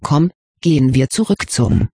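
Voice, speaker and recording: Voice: medium pitch, expressive, unhurried, slightly rough, dry recording. Reader voicing a caring, firm schoolgirl. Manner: gentle but decisive.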